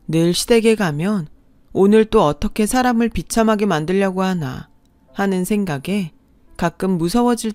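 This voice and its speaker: Young woman telling her story like a radio drama, kinda wistful, dry sound, soft music behind. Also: medium pitch, no room sound. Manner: wistful, confiding first-person telling. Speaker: narrator. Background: faint music.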